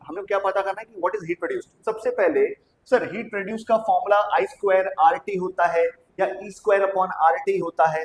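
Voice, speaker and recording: A high-voiced male physics teacher works through exam problems with his class, checking in with quick questions like "clear?". The room is echoey with faint noise.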